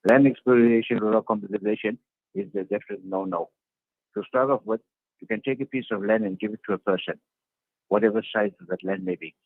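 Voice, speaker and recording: A man speaks over a thin, tinny video call, with a low, gravelly voice. He is a political councillor who answers earnestly and hammers his points home by repeating them. The sound is dry and close, with no room around it. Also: brisk, no echo. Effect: heard over a video call. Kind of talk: interview answers.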